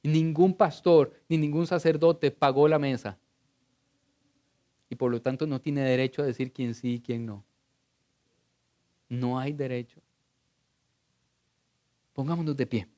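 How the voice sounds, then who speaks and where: A middle-aged male pastor, preaching a sermon in a church. He tells stories in a conversational way and swings between loud and hushed. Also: medium pitch, steady tone, measured pace, long pauses.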